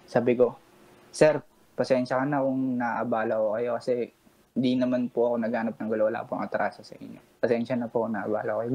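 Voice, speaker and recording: Calling in late at night, a twenty-something from Pampanga, Philippines relates a personal confrontation in a calm, polite manner, quoting other people along the way. Medium pitch, rough recording.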